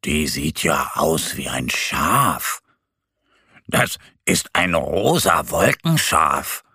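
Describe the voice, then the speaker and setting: Mo, a man voicing a gentle little bear. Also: rumbling low, drawn-out words, husky, no echo, clean studio sound, pitched below the performer's own voice, full character voice. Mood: cheerful. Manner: soft, calm, kindly storytelling. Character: gentle little bear boy, kind and patient.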